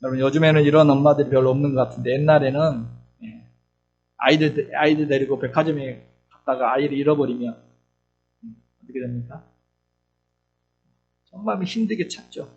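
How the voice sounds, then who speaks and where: A middle-aged man preaching an earnest sermon as pastor, swinging between loud urgent lines and soft low asides. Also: brisk, long pauses, lo-fi sound. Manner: acts out tender and scolding voices when quoting.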